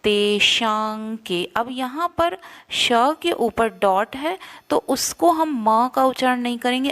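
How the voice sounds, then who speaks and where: A woman teaching verse recitation, patiently spelling out syllables and repeating them. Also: a little high. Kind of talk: slow Sanskrit verse recitation lesson.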